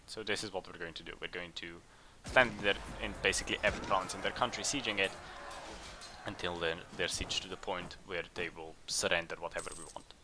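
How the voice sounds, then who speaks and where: A man hosting a let's play, chatting casually and thinking aloud as he plays, with bursts of excitement in tense moments. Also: low voice, fairly quick, noisy background. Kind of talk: casual game commentary.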